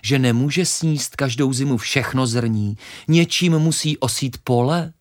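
A reader voicing a small, patient, wise grain of wheat in a children's story, talking calmly and reasoning gently. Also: mid-range voice, natural voice. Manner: calm, reasoning, gently coaxing.

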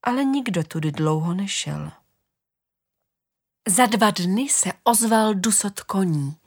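Gentle woman storyteller, dry close sound. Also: medium pitch, lively intonation, slightly rough, dry recording. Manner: gentle, slow, often drops into a whisper. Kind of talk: storybook narration.

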